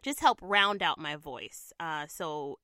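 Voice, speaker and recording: A woman's voice: low-pitched, lively intonation, slow pace, sharp tone, no echo, studio quality. A young woman co-hosting a casual podcast, with a throaty, nasal voice, chatting and laughing often. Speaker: podcast co-host and TV news reporter.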